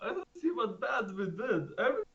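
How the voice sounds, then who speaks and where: Guy in a game voice chat, dry matter-of-fact talk, high voice, muffled lo-fi mic. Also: sing-song, fairly quick, vocal fry, fairly bright tone. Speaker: player. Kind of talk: tabletop game over voice chat. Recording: dull lo-fi mic with faint hiss.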